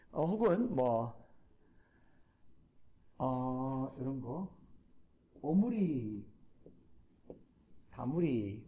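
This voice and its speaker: A man lecturing to a class, explaining step by step, repeating key terms and pausing with fillers. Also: medium pitch, gravelly, warm tone, a little hiss or hum.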